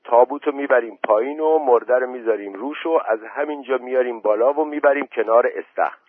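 A man voicing an eager young villager who makes brisk, offhand suggestions. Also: medium pitch, husky, dry recording, pitched above the performer's own voice, close to an everyday voice. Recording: dry tinny phone-like voice message.

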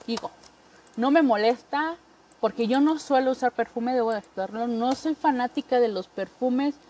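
A Mexican woman hosting a podcast, joking casually and acting out coworkers in quick impressions. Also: on the high side, mellow. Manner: chatty, jokey, acts out coworkers in quick impressions. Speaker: podcast host. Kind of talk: casual comedic monologue.

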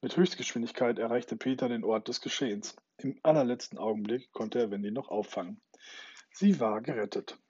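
A man narrating a children's story with a lively, dramatic reading, on a dull lo-fi recording. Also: mid-range voice, a little fast, husky, no echo.

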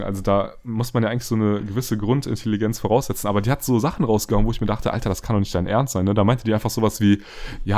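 A man's voice: fairly low pitch, a little mellow. A young man telling a personal story in a casual chat, rambling with slang and fillers and turning often to speak to his listeners directly.

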